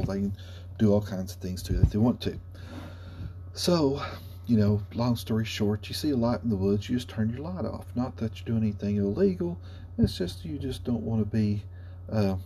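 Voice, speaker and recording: Middle-aged man, folksy rambling storyteller, dark relaxed tone, with noticeable hum behind him. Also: fairly low pitch. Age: 40s. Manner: rambling, folksy, self-correcting. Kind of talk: casual spoken anecdote. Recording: noticeable background hum and noise.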